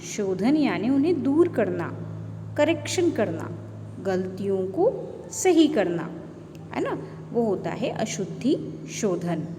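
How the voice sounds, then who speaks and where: A woman's voice: medium pitch, warm tone. A woman teacher giving a lesson to young children, explaining patiently and often checking in with short tag questions. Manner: addresses young children directly. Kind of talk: slow explanatory classroom lesson. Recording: long reverb, faint background noise.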